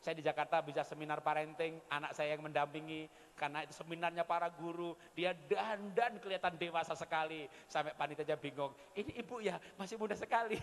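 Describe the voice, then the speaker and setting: A man's voice: on the high side, fairly even intonation, a little fast, a little hiss or hum. A middle-aged man giving a parenting seminar talk, telling stories animatedly and acting out family quotes. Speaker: parenting speaker. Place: large event hall. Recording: reverberant hall.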